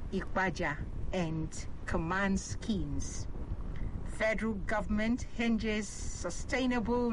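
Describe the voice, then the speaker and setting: A woman reading the evening news headlines and full reports on a radio station, in a formal, deliberate way. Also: medium pitch. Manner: measured, deliberate delivery. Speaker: newsreader. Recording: broadcast radio with background noise.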